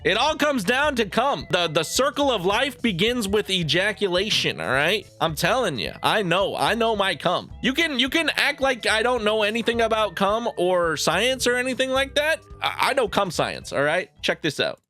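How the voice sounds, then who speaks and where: Male reaction streamer, high-pitched, highly animated, profane, excitable, repetitive phrasing, music behind. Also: normal speed, few pauses. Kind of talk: crude comedic reaction commentary over a video.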